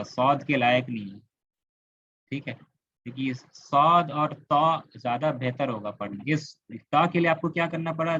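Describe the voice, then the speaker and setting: A man's voice: medium pitch, a bit bright, dull audio, slight background noise. A man with a Kolkata Indian accent teaching Arabic grammar in an online class, explaining patiently, repeating words and asking students questions. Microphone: computer mic on a video call.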